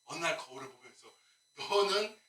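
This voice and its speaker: Man, pastor, sermon, rhetorical questions, humorous asides, very bright forceful tone, distant mic. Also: high voice, sing-song, a little fast. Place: church sanctuary. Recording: echoey room, mic at a distance.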